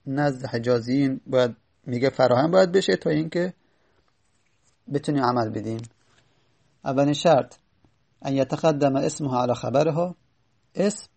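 A man teaching a grammar lesson, patiently explaining and repeating examples slowly. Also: medium pitch, creaky, a little mellow.

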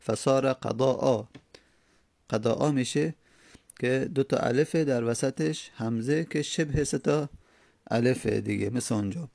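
Brief: male grammar teacher, gravelly, dry close sound, methodical drilling. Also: mid-range voice, a little mellow, dry recording. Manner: explains step by step, repeats words slowly to drill them. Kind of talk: classroom lecture on Arabic morphology.

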